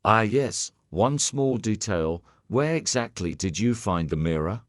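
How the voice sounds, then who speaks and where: Guy reading as a courteous old detective, soft questions, lively lowish voice. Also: unhurried, dry recording, studio quality. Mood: calm probing. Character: elderly male Belgian detective, calm and probing.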